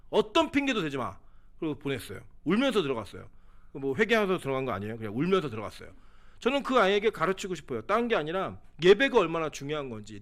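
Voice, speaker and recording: A young male pastor preaching a sermon in a church, acting out quoted voices and swinging between loud and hushed. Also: sits high. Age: young adult. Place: church sanctuary.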